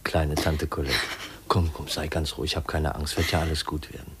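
An actor playing a gentle, protective young man in a 1950s radio drama, soft and soothing. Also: rumbling low, flat delivery, moderate pace, a little hiss or hum.

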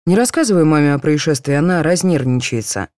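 A woman's voice: low-pitched, lively intonation, fast, a little mellow, no echo, studio quality. A woman reading an audiobook, voicing an easygoing young man who speaks casually. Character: calm grown son, easygoing.

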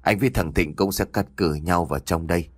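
Narrator voicing a blunt older uncle, low and unhurried. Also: male voice, very animated, dry recording. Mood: gentle.

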